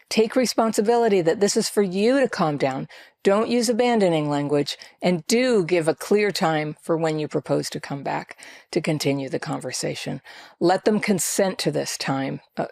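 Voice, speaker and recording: A middle-aged woman coaching viewers on handling emotional people, in a calm, measured way with brief asides. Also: lowish voice, gravelly, no echo, studio quality. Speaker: relationship coach. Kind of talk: advice talk to camera.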